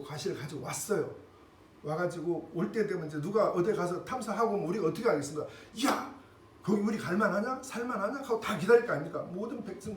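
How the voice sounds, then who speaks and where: A male pastor preaching a sermon, telling the story in an animated way and acting out the voices of the people he quotes, often turning to the congregation with a quick question. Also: sits high, slight background noise. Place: church sanctuary. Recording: echoey church hall, mic at a distance.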